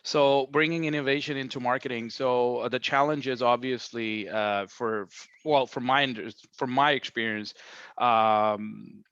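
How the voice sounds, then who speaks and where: A man's voice: mid-range voice, steady tone, measured pace, a bit bright, smooth, no room sound, muffled recording. A man being interviewed as a marketing director, explaining his work thoughtfully with many fillers and restarts. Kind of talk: business interview.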